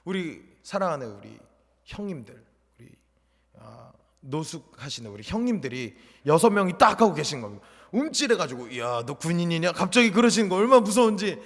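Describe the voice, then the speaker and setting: Young male junior pastor, personal-testimony sermon, big dynamic swings, long church reverb. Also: on the high side. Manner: storytelling testimony, swinging between loud and hushed. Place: church sanctuary.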